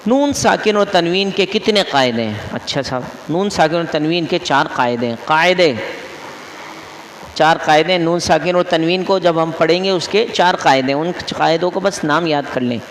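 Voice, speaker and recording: A mufti with a voice on the high side gives a mosque classroom lesson on reciting the Quran, testing his listeners and going over each rule again. A little hiss or hum sits under the long reverb of the echoey hall.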